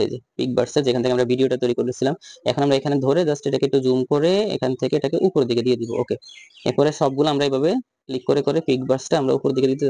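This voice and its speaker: Fast-talking man explaining steps. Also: medium pitch, mellow, no room sound. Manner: repetitive step-by-step instructions, rhetorical questions. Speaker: tutorial host. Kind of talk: screen-recorded software tutorial.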